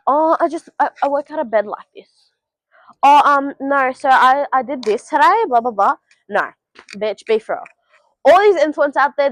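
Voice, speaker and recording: An Australian teenager films a casual home vlog, addressing viewers directly with blunt advice and plenty of swearing. Her voice sits high, and the low-quality recording has no echo.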